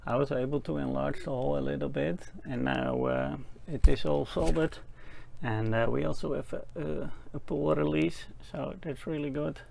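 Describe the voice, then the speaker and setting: Hobbyist man in his 40s, very gravelly voice, halting and casual, recorded on a camera mic at a workbench. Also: a little high, fairly even intonation, mellow, slight background noise. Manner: hesitant, many filler words, plain explanations. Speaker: electronics hobbyist presenter. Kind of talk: casual workshop tutorial. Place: electronics workbench in a small workshop.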